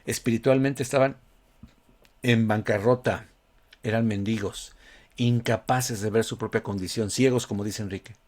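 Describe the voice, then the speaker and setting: A man's voice: lowish voice, fairly even intonation, normal speed, a little mellow. Man, sermon, conversational preaching, rhetorical questions. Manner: conversational, addresses listeners as "hermano", asks rhetorical questions.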